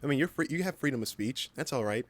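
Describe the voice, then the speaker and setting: A man in his early twenties hosts a livestream, chatting and telling stories casually in a mid-range voice with lively intonation and a quick pace. His style is playful, exaggerated, and self-mocking.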